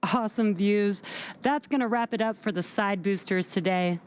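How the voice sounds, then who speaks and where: A woman's voice: medium pitch, moderate pace, clean tone. A woman hosting a live launch webcast, explaining technical terms plainly as she commentates.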